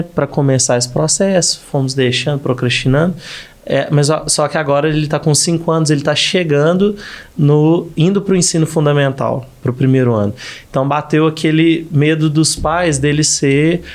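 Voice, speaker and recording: A man's voice: on the high side, darkish tone. A Brazilian man, a psychologist hosting a podcast, talking casually with hesitant restarts.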